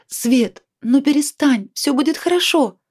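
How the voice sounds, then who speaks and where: A woman's voice: high-pitched, animated, measured pace, darkish tone, pitched above the performer's own voice. A woman reading a storybook voices an adult woman who scolds and then coaxes her friend. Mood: soothing.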